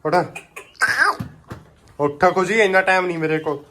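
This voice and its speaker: Lower-pitched Punjabi woman, casual. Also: steady tone, normal speed, a bit bright. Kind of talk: casual chat.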